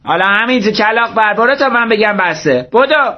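A man's voice: high voice, voice pushed up, lightly acted. A man voicing a stern young male military guard who barks orders, in a dull lo-fi recording. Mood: barking orders. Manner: barking orders.

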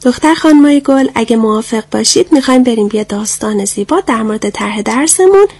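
A woman's voice: a little high, expressive, darkish tone, slightly rough. A woman teacher leading a lesson for young girls, speaking in an encouraging manner. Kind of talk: classroom lesson.

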